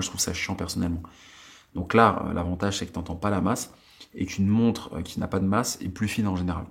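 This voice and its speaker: Gravelly low-voiced man rambling casually. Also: a little mellow. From France. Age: 30s. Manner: rambling, many fillers and restarts. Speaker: watch channel host. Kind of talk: casual vlog talk to viewers. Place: attic room in the countryside.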